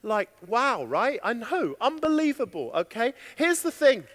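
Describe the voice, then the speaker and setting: High, lively man on a hall stage. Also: a little slow, slight background noise. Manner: animated, chatty, asks the audience questions. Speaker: keynote speaker. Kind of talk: energetic conference keynote. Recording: long hall reverb.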